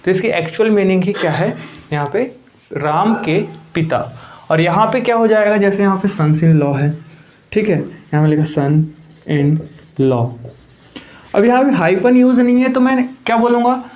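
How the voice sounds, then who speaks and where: A man's voice: sits high, normal speed, a little mellow. A man teaching English grammar for competitive exams in a Hindi-English lecture, explaining step by step, repeating key words and asking questions of his students.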